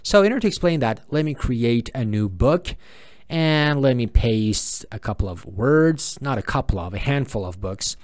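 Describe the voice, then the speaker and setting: Walking through an unscripted software tutorial step by step, a man frequently repeats and corrects himself. His mid-range voice is expressive and moves at a normal speed.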